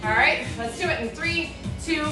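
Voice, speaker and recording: A woman's voice: high-pitched, moderate pace. A woman leading a home workout class as an aerobics instructor, calling out counts, form cues and encouragement. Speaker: fitness instructor. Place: indoor room, virtual workout video. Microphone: distant from the speaker. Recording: echoey room, distant mic, music behind.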